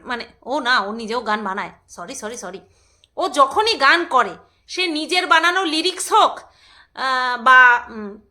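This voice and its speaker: A woman's voice: high voice, bright, forceful tone. A woman vlogging in a casual, rambling chat, laughing often and breaking into song. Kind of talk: casual chat with snatches of singing.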